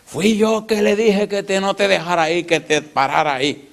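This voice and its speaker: A man's voice: high-pitched, steady tone, moderate pace, vocal fry, fairly bright tone, pitched above the performer's own voice. An insistent church busybody who pushes and hurries everyone around him, voiced by a preacher. His tone stays raised and urgent. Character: pushy gossiping male churchgoer.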